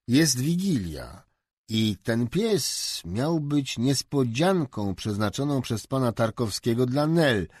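A man reading aloud and voicing a genial, teasing middle-aged English gentleman, measured and mock-stern, a bit higher and louder than his narration. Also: no echo, clean studio sound.

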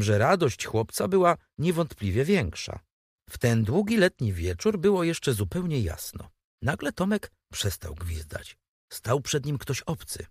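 A man reading a storybook aloud, with expressive, animated narration. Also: medium pitch, no echo, studio quality. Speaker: audiobook narrator.

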